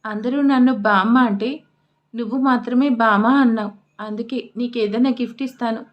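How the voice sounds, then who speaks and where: A woman narrating an audio storybook voices a bossy, crude old grandmother who snaps and scolds with quick, coarse retorts. The voice sits a little high with fairly even intonation and sounds natural, though the recording is muffled.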